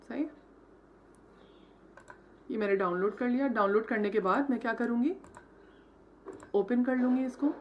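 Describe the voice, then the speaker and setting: A woman's voice: a little high, normal speed, long pauses, dull audio, slight background noise. Woman walking through a design tutorial. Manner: step-by-step, frequent "theek hai" check-ins; mixes English terms into Hindi. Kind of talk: screen-recorded software tutorial.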